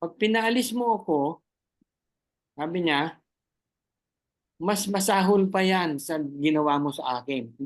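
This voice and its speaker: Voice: medium pitch, slow, pauses often. A group leader who reads Bible verses aloud and then asks the members what they think. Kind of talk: leading a Bible discussion.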